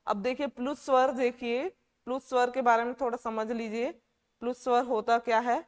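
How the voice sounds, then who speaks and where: A woman teaching a class, asking questions and repeating key words slowly. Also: fairly high pitch, little pitch movement, long reverb tail. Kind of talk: classroom lecture.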